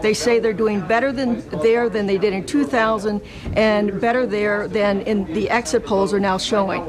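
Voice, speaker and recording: An American female correspondent with a mid-pitched voice gives a live election news report. A busy crowd is clearly audible behind her. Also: steady tone, normal speed, poor audio. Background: crowd at party headquarters.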